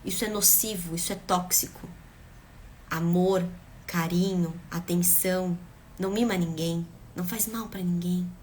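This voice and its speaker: A woman's voice: fairly low pitch, fairly even intonation, unhurried, darkish tone, slight background noise. A woman speaking earnestly and emphatically, giving parenting advice straight to the camera and repeating phrases for rhythm. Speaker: parenting vlogger.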